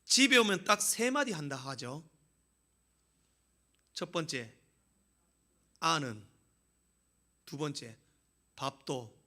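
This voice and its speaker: A man's voice: a little high, sing-song, a little slow, pauses often, bright, forceful tone. A man preaching a sermon as a pastor, telling jokes and stories with emphatic exclamations.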